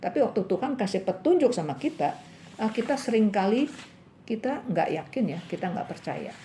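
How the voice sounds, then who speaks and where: A woman preaching a sermon at a church women's fellowship, telling a story and acting out the characters' cries in a higher voice. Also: normal speed, slight background noise. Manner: lively storytelling, acts out the characters' cries with raised pitch. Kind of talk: bilingual sermon with illustrative story. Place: church meeting room.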